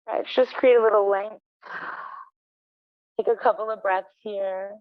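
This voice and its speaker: A woman teaching a live yin yoga class, giving gentle, unhurried cues and laughing lightly at herself now and then. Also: mid-range voice, steady tone, no room sound. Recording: dull, dry studio recording.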